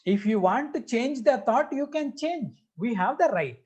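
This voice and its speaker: A man's voice: extremely high pitch, expressive, measured pace, a little mellow, breathy edge, lo-fi sound. A man with an Indian accent giving a Vedanta discourse as a spiritual teacher, explaining didactically in short repeated phrases and putting questions to his listeners.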